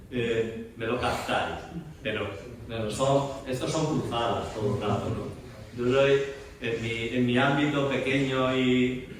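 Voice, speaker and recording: A man's voice: mid-range voice, slight background noise. A man giving a masterclass on speaking text, explaining with rhetorical questions and reciting verse aloud. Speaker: theatre director and voice teacher. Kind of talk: masterclass lecture. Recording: echoey hall, voice from far off.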